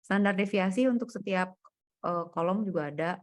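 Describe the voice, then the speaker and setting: A woman gives a relaxed one-on-one coding lesson, thinking aloud as she works through data and plots. She speaks in a casual manner. Her voice sits at an ordinary mid pitch. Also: normal speed. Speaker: coding tutor. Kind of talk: private coding lesson over screen share.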